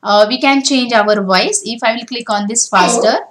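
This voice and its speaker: A woman with a fairly high, fairly bright voice talks at a moderate pace, teaching beginners to code over a screen recording. She walks through each step in turn, often opening with "now." The recording is rough, with slight background noise.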